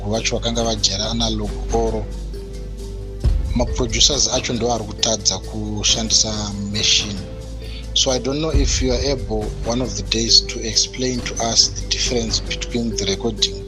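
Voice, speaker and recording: A man with a Zimbabwean accent, heard as a recorded voice message that is played back. He is asking a listener's question in a hesitant way, pausing often to find his words. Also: fairly low pitch. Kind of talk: casual spoken voice message.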